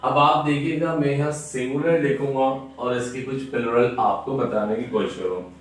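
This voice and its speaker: A man's voice: medium pitch, fairly even intonation, normal speed. A man teaching an English grammar lesson, spelling words out letter by letter and often checking back with the viewer. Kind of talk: classroom-style grammar lesson. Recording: very echoey room, mic at a distance.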